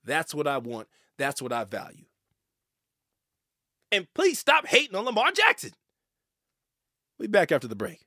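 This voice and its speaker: A man hosting a sports talk show, giving animated, opinionated commentary and stammering when worked up. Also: on the high side, normal speed, pauses often.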